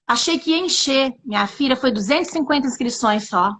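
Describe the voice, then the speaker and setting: Speaking a little fast in a high voice, a Brazilian woman tells her testimony as a guest in a casual interview, bringing it to life by acting out the dialogue.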